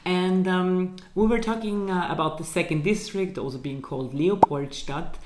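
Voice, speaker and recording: A woman's voice: on the low side, moderate pace, heavy background noise. Woman interviewer, friendly and careful, roomy echoey office sound. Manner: friendly, careful, with fillers and restarts. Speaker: program director, interviewer. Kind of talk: interview hosting. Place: university office.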